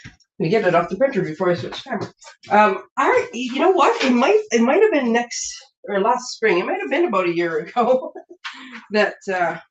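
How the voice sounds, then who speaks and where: Through a webcam setup, the dull, lo-fi audio carries a little hiss or hum as a woman hosts her papercraft live stream from her home desk. Her voice is fairly high and very animated at a normal speed. She rambles casually, laughs a lot, and sounds slightly congested from a sinus infection.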